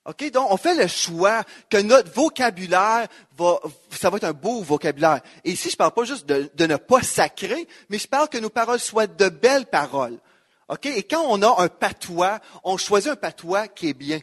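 High-voiced Quebec French pastor preaching. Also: male voice, big pitch swings, moderate pace, fairly bright tone. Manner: emphatic, repeats key phrases, quotes scripture. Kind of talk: sermon.

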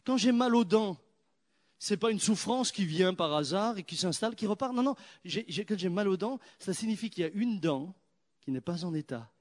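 Animated, high-voiced man preaching a sermon. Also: normal speed. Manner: animated storytelling, swinging from loud exclamations to hushed prayer.

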